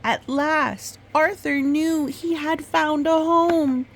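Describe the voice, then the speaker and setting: A woman whose voice sits high reads a children's story storytime-style, with background noise in the recording. She's expressive and pauses to comment on the pictures.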